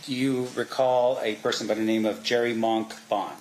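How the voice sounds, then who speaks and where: A man doing a courtroom cross examination as an attorney, asking probing, leading questions with halting pauses. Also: medium pitch, fairly even intonation, darkish tone. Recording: roomy echo, faint background noise.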